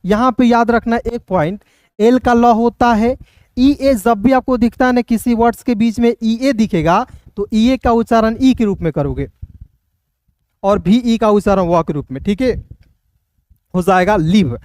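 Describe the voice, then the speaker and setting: A man with a Hindi accent teaching English phonics, spelling words letter by letter and sounding them out slowly. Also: high-pitched, a little mellow, no echo, studio quality. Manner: slow, repeats words, checks with listeners.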